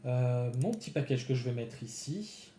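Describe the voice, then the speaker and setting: A man's voice: mid-range voice, lively intonation, moderate pace, warm tone, reverberant, a little hiss or hum. A man giving casual live-coding commentary to his viewers, thinking aloud as he types. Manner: thinks aloud, chatty, talks to viewers while typing. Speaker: developer streaming a coding session.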